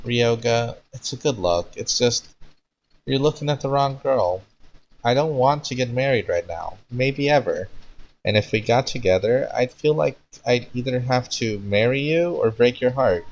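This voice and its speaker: A man's voice: medium pitch, expressive, normal speed, highs cut off, voice pushed up, lightly acted. A man voicing a friendly, apologetic young woman news reporter from a fanfiction story. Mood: apologetic, earnest.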